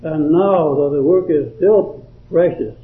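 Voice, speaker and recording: A man preaching a sermon and reciting a devotional poem in a slow, deliberate, measured way. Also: fairly high pitch. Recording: tinny phone-like old recording.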